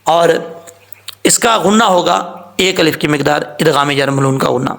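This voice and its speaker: Gravelly-voiced man teaching Quran recitation. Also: fairly high pitch, a bit bright. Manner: patient step-by-step explaining, correcting common mistakes. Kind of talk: tajweed lesson with recited examples.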